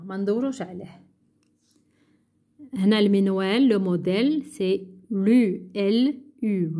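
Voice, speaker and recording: Patient woman teaching French. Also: medium pitch. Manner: slow, patient, repeats words and translates French into Arabic. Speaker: primary school teacher. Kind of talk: workbook lesson.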